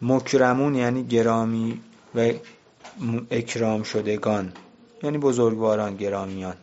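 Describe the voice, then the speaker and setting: A man's voice: medium pitch, steady tone, darkish tone. Man teaching word meanings, muffled audio. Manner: explains word meanings, asks and answers his own questions. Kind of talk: vocabulary lesson.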